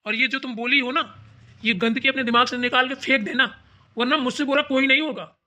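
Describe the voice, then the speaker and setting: Someone doing a protective, scolding elder brother. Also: male voice, very high-pitched, steady tone, brisk, pushed and bright, heavily acted. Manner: scolding, affectionate to sister. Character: doting elder brother, protective, quick-tempered husband. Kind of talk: cartoon voice acting.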